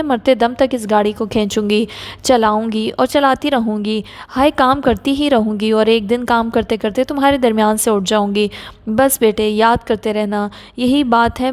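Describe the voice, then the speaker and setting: A woman's voice: fairly high pitch, steady tone, close to an everyday voice. A woman reading the part of an elderly mother-in-law who complains melodramatically, sighing and groaning as she talks. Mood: complaining.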